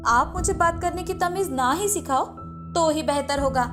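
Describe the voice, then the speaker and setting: A woman's voice: high-pitched, normal speed, over music, natural voice. A woman voicing an arrogant young daughter-in-law who speaks rudely and dismissively in a cartoon story. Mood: insolent. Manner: sharp, insolent, dismissive.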